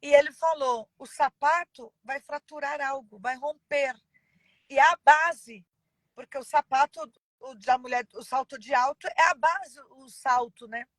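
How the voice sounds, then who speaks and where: High-voiced woman pastor giving testimony. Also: a bit bright, no room sound, rough recording. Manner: halting and emotional, many pauses and fillers. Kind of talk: personal testimony in an interview.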